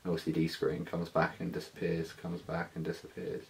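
A man's voice: low voice, monotone, normal speed, vocal fry, a little mellow. A British man in his thirties giving a casual, slangy, slightly hesitant hands-on gear walkthrough indoors. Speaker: motovlogger. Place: small living room, indoors.

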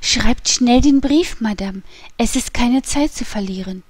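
A woman's voice: a little high, measured pace, dry recording. A woman voicing a loyal young maid in an audiobook, earnest and reassuring toward her mistress. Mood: urgent. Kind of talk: audiobook character voice.

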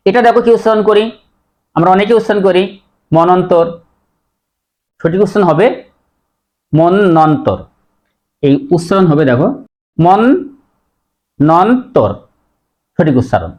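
A man teaching a pronunciation lesson, explaining rules step by step and repeating each word slowly. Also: high-pitched, animated, darkish tone.

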